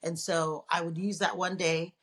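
A woman from Nigeria, a guest on an interview show, telling her story in a relaxed, chatty way. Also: on the low side, moderate pace. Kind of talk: casual interview conversation.

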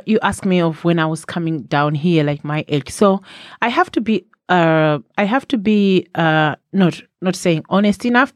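A woman's voice: fairly low pitch, dry recording. Hesitant woman, dry sound. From Malawi. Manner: hesitant, many fillers and self-corrections. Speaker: interview guest. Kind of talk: conversational interview.

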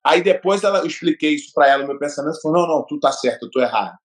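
Casting: middle-aged Brazilian man, somewhat higher voice, emphatic storyteller, casual talk. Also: expressive, rapid-fire. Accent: Brazilian Portuguese. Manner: storytelling, emphatic, acts out dialogue. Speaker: gym owner and martial arts coach. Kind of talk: casual podcast chat.

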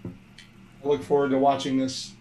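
A man chatting as a remote guest on a live stream, his voice run through a robotic voice changer filter, with quick joking remarks. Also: medium pitch, flat delivery, dark tone, slight background noise. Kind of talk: casual live-stream chat.

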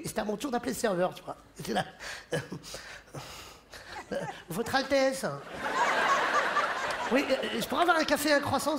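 A stand-up comedian, a man, performs an animated, joking routine on a theater stage and puts on voices for the people in his stories. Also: very high voice, vocal fry. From Morocco. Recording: live show in a hall, audience laughter. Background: audience laughing and cheering.

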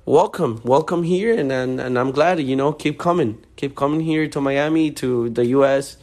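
A man's voice: mid-range voice, normal speed, a little mellow. Male podcast host from Honduras, mid-range voice, loose and friendly with lots of fillers. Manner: friendly, rambling, many fillers. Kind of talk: casual podcast chat. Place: Miami.

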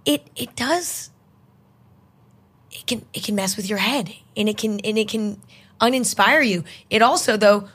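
A woman's voice: medium pitch, unhurried, long pauses, a bit bright, husky. Young woman chatting in a loose, rambling way. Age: young adult. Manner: rambling, heavy use of "like". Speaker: interview guest, video creator. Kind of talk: casual chat.

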